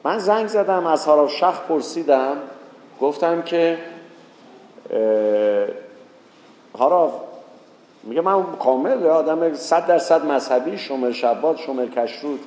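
A man's voice: expressive, long pauses, darkish tone. Man telling a story in an echoey hall. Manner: storytelling, acts out quoted voices with rising pitch. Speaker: religious teacher. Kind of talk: sermon with a told story. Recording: echoey hall with long reverb.

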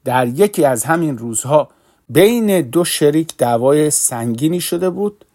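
Gravelly man telling a sermon story. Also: on the high side, lively intonation, dark tone. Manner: earnest storytelling, voices quoted lines.

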